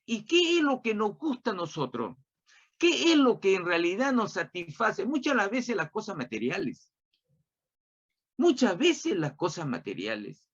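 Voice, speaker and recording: A man preaches a sermon and tells a personal story along the way. He talks in an animated way and repeats his rhetorical questions, and his voice swings widely in pitch. The recording sounds dull and lo-fi. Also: measured pace, slightly rough.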